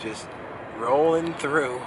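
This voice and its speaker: A man's voice: mid-range voice, slow pace, noisy background. A man with a nasal, stuffy voice from a cold, vlogging in an offhand, mumbling way while sightseeing and in his car. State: sick with a cold. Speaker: travel vlogger. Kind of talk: casual vlog narration. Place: outdoors in town and inside his car.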